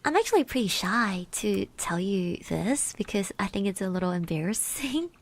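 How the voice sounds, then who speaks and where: A woman voices a bashful, caring classmate in a gentle ASMR roleplay, partly whispering and speaking with hesitant encouragement. Her mid-range voice swings widely in pitch while keeping a moderate pace. She comes across as shy and encouraging.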